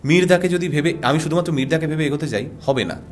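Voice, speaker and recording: A man's voice: a little high, fast. A man who works as a radio jockey and voice artist, giving earnest advice in a podcast conversation, with a Bengali accent and rhythmic, emphatic repetition.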